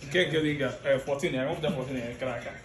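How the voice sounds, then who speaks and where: A man's voice: medium pitch, fairly even intonation, racing, very noisy. A man with a Nigerian Igbo accent chatting casually and giving short affirming responses. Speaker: family member responding to the blessing. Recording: echoey room, music behind. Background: music.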